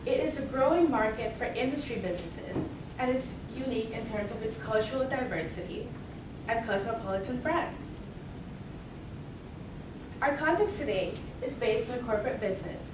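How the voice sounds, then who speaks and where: This student presenter, a young adult woman from Mexico and Belize, delivers a rehearsed business case pitch in a slightly high voice. The recording catches her at a distance in a reverberant hall with constant noise underneath, and her formal, measured delivery keeps returning to "moving right along."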